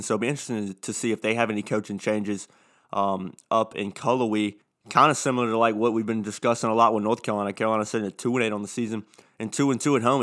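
A man's voice: on the low side, a bit bright. A man in his twenties with a lisp from new braces, hosting a casual solo sports podcast. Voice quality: lisp from new dental braces, like wearing a retainer.

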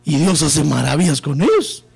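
Male preacher, high and very animated voice, fiery sermon delivery that swings from hushed to shouting. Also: moderate pace, creaky, slightly rough, faint music behind. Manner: impassioned preaching, swings from low murmurs to shouted peaks; keeps addressing listeners as "hermano". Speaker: pastor.

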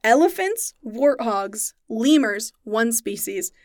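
A woman's voice: on the high side, lively intonation, slow, no echo, studio quality. Chatty woman explaining insect science. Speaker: podcast co-host explaining science. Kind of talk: casual chat.

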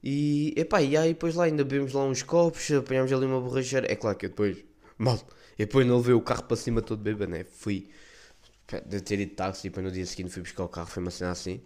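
A man's voice: medium pitch, steady tone, fast talker, a little mellow. Slangy young Portuguese man rambling. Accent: European Portuguese. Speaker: podcast host. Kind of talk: casual monologue storytelling.

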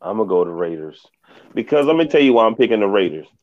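Deep-ish guy guest on a sports pod, laid back, muffled lo-fi sound. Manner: relaxed, halting, chuckles often. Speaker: podcast guest. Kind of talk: casual sports picks chat. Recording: dull lo-fi audio.

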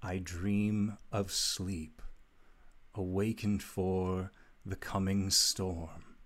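A man's voice: sits low, flat delivery, very slow. A man voicing an ancient dreaming deity in a tabletop game, chanting ominous verse in a hollow, unearthly voice. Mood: ominous, dreamy.

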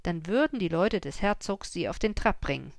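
A steady, matter-of-fact master craftsman giving advice, as a woman reader puts him on. The voice is low and gravelly, close and dry. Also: moderate pace, dry recording. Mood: advising.

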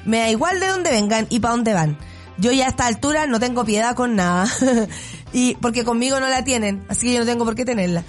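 A woman's voice: on the high side, animated, fairly quick, faint music behind. Sarcastic Chilean woman radio host. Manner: sarcastic, laughs often, blunt. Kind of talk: casual opinionated radio commentary.

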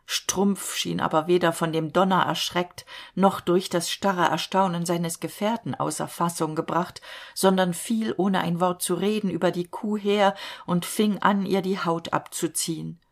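A woman narrating a fairy tale in a measured, solemn storytelling manner. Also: lowish voice, steady tone.

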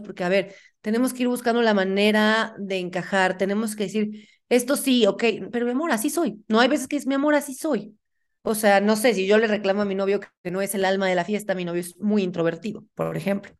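Young woman, Mexican accent, animated guest in a casual talk, acts out dialogue. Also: medium pitch, fast talker, few pauses. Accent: Mexican Spanish. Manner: animated, acts out quoted dialogue, frank and slangy. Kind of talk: casual chat.

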